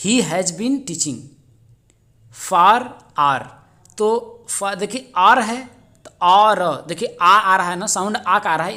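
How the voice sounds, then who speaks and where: A man's voice: sits high, sharp tone. A male teacher, walking viewers through exam answers and calling them friends. He keeps asking each answer back as a rhetorical question. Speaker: exam-prep teacher on a video channel. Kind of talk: explaining exam answers step by step.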